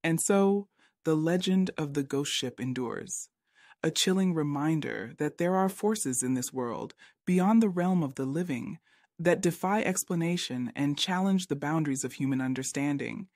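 A man reading a scripted spooky story as narrator, with an even, dramatic storytelling delivery. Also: a little high, moderate pace, no echo, clean studio sound.

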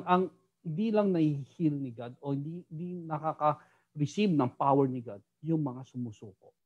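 Filipino-accented preacher leading a Bible study, animated and conversational, mid-range voice, dull lo-fi sound. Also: mid-range voice. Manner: animated, keeps asking "di ba?". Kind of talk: Taglish Bible study teaching.

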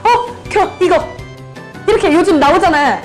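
A woman's voice: extremely high pitch, expressive, measured pace, faint music behind. A woman hosting her channel, describing clues in a party guessing game and repeating words over and over. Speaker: channel host.

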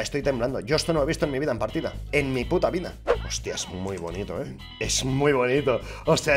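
A man with a Spain Spanish accent giving casual, swear-filled commentary as he opens online skin cases, shouting at big wins. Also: medium pitch. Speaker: gaming YouTuber.

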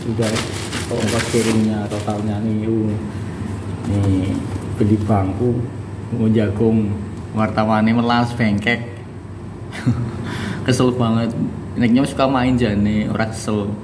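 A Javanese-accented man in his thirties hosts a casual unboxing vlog, chatty with preachy asides and frequent laughter, filmed on a phone at arm's length in a small, bare-walled room. His low voice is flat and slow with many pauses, and the audio is echoey, distant and noisy.

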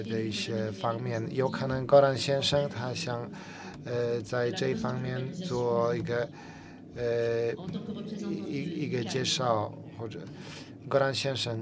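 A man giving a simultaneous interpretation of a panel discussion, halting often with fillers and repeated words. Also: medium pitch, little pitch movement, over music.

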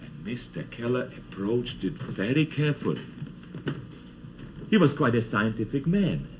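Slow man telling kids a story. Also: mid-range voice, big pitch swings, background noise. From Czech lands. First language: Czech. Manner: playful, asks children questions. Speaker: children's TV host. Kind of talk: storytelling to children.

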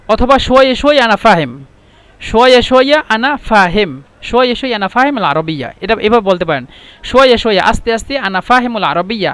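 A man teaching Arabic phrases in a spoken lesson. He repeats each phrase slowly and then explains it. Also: high-pitched, a bit bright, clear, resonant tone, dry recording.

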